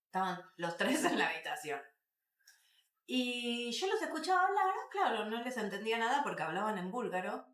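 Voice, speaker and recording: A woman, telling travel stories to camera as a vlogger, animated and emphatic, repeating phrases and addressing viewers directly. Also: on the high side, moderate pace. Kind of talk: casual storytelling to camera. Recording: roomy echo.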